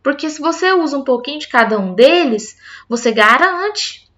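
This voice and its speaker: A woman's voice: sits high, lively intonation, moderate pace, fairly bright tone. A woman literacy teacher, talking chattily to fellow teachers and often checking in with them. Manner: chatty, with frequent "tá?" and "gente".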